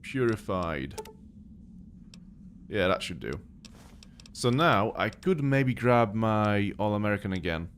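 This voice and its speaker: With a lowish voice and a slow delivery full of pauses, a British-accented man from Poland, born a Polish speaker, thinks aloud as he plays a game on a live stream. He sounds relaxed and casual, and there is slight background noise.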